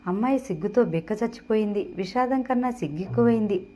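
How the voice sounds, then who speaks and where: Female audiobook narrator, mellow and warm, steady storytelling delivery, mid-pitched. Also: fast, a little hiss or hum. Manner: steady storytelling narration, voicing dialogue lightly. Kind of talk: reading a Telugu audio novel.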